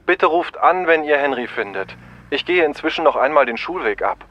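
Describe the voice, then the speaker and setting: A man's voice: a little high, lively intonation, moderate pace, voice pushed up. Man playing a worried father, anxious, polite, slightly raised voice, dull muffled phone sound. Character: worried father of a schoolboy, calling.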